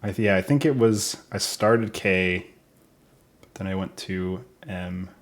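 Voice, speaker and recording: Young guy with a low voice chatting loosely about his game, kinda unsure, thinking out loud. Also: a little slow. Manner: rambling, unsure, thinking aloud. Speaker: game developer giving commentary. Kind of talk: casual developer commentary over gameplay.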